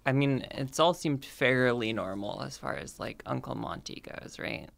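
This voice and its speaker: Very creaky-voiced man playing a tabletop game. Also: medium pitch, moderate pace, fairly bright tone. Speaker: player. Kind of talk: casual tabletop game chat.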